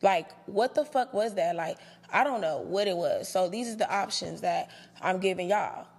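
A woman's voice: on the low side, animated, moderate pace, big-room sound. A young woman casually recapping episodes of a reality show for her viewers, brash and sassy and swearing freely. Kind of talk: profane casual commentary to viewers.

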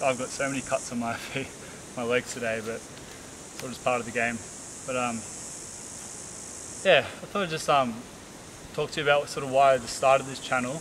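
Young Australian bloke, casual vlogger, tired and relaxed, camera a few metres off, hissy outdoor audio with insects. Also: male voice, mid-range voice. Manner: relaxed, rambling, many fillers and restarts. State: tired after a hot hike. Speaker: bushcraft vlogger. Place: outdoors in the bush by rocks. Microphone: camera on a tripod a few metres away.

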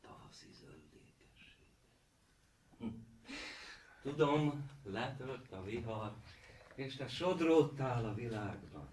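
A man playing a calm, consoling wise wizard on an echoey stage, heard from far off. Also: mid-range voice, a little hiss or hum, lightly acted. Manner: calm, consoling, lively intonation. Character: wise gentle great wizard.

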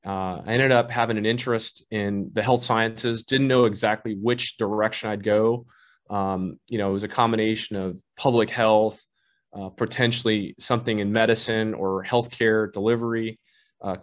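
A man in his fifties from Southern California, an army colonel speaking as a guest over a video call from his office, measured and formal with occasional fillers. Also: on the low side, fairly even intonation.

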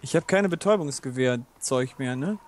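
A man's voice: mid-range voice, lively intonation, moderate pace, a little hiss or hum. A young man talking in casual slang while playing a co-op video game with a friend. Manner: slangy, colloquial. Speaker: Let's Play co-host. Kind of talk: casual co-op gaming chat. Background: video game ambience.

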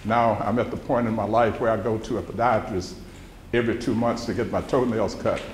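An older man with a Mississippi accent and a low voice gives a folksy, informal lecture. He speaks at a podium microphone in a roomy, echoing space with a little background noise. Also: fairly even intonation, fairly quick. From central Mississippi, US. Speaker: guest lecturer, retired pharmacology professor. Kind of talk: informal public lecture with personal recollections. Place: indoor lecture room with seated audience. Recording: roomy echo, background noise, live hall.

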